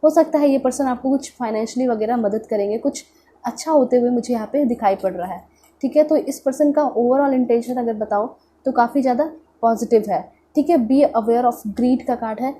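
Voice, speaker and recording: A woman's voice: on the high side, brisk, mellow, husky. A woman with an Indian accent and a congested, pinched-nose nasal voice from a cold, giving an informal tarot reading and mixing in English words. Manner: mixes in English words, repeats check-in phrases. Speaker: tarot reader.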